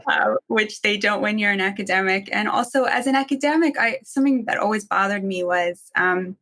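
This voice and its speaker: A woman in her thirties from Boston, raised in Israel, giving fast, emphatic opinions as a podcast guest with many "I mean"s. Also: medium pitch, a bit bright. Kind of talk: opinionated interview talk.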